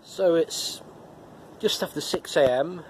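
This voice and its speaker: A middle-aged man with a head cold chats casually to the camera in a personal vlog reviewing episodes, filmed in a living room and in a car park outdoors at night. His voice is on the high side and a little mellow, and he halts and repeats words as he restarts. The recording is low quality with slight background noise.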